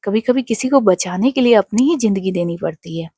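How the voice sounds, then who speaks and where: A woman voicing a gentle divine young girl who speaks softly and tenderly. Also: mid-range voice, lively intonation, brisk, breathy edge, no echo. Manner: soft and tender.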